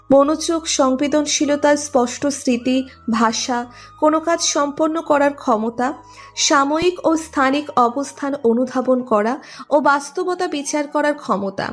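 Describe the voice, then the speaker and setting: A woman narrating a romantic audio story in a dramatic, scripted storytelling manner. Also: high-pitched.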